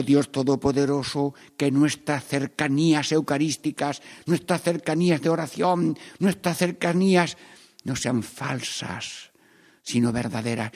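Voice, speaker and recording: A man leading a Stations of the Cross meditation, praying aloud and swinging between hushed pleas and loud, emphatic lines. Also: on the high side, gravelly, in a large hall. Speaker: priest.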